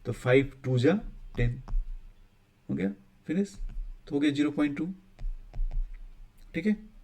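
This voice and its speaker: This maths teacher's voice runs on the high side, expressive and a bit dark. He explains casually, checks in frequently with "ठीक है", and occasionally stumbles and begins his sentences again.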